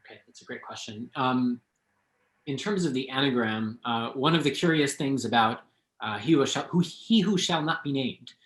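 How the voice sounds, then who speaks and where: A thoughtful man talks about his translation work at a relaxed, hesitant pace, dotting his sentences with fillers. His voice sits in a middle register, and the room around him gives a noticeable echo. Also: mid-range voice. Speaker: translator, guest speaker. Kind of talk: conversational talk.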